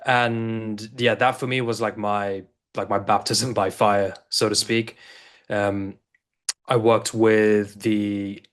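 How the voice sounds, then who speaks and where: Male guest, 30s, low-pitched, loose rambling delivery with frequent restarts. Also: level tone, takes it slowly. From South Africa. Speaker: guest, integration coach. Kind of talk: casual interview talk.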